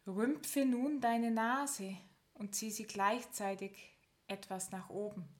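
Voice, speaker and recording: In a guided progressive muscle relaxation, a woman with a mid-range voice gives gentle step-by-step cues. Her countdown is slow and broken up by long pauses.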